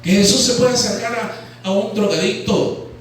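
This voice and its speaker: A man's voice: high voice, normal speed. A man with a Nicaraguan accent preaching a Sunday sermon and firing questions at his congregation. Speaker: pastor. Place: church hall. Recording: very echoey hall, voice from far off.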